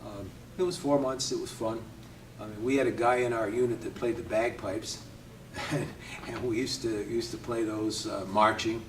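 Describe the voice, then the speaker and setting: An older Navy veteran from Connecticut tells his memories in an easygoing way, chuckling now and then and pausing on small hesitations. His fairly low voice sits a little way from the mic in a roomy, echoing space, with a faint hum of ambience underneath. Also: steady tone, far from the mic. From Connecticut, USA. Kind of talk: reminiscing interview.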